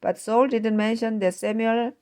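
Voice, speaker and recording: A woman reading scripture aloud at a steady pace, with small slips now and then. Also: fairly high pitch, normal speed, slight background noise. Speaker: scripture reader.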